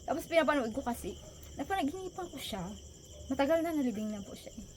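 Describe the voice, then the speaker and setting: A woman telling a personal story in a soft, halting voice, close to tears. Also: high voice, lively intonation, slight background noise. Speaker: vlogger and co-host.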